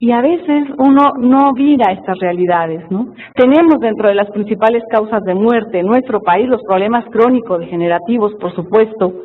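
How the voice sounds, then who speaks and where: A woman's voice: mid-range voice, moderate pace, hardly any pauses. A woman from Chiapas, giving an earnest, explanatory conference presentation. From Mexico, Chiapas. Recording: tinny, with long hall reverb.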